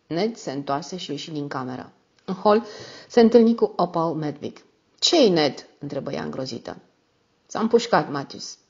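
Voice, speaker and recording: O femeie care narează o carte audio polițistă într-un ritm măsurat și egal. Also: female voice, deep voice, a little mellow, highs cut off. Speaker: audiobook narrator. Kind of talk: scripted audiobook narration.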